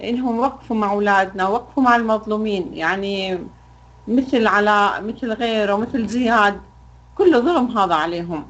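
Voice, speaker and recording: A woman's voice: mid-range voice, rapid-fire, lo-fi sound. A mother from Jordan with a Jordanian Arabic accent, making an emotional, pleading appeal in a live interview. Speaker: mother of a detained son.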